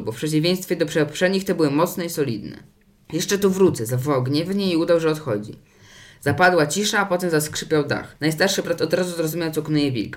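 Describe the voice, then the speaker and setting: A man narrating a children's fairy tale in a lively, expressive storybook reading. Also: a little high.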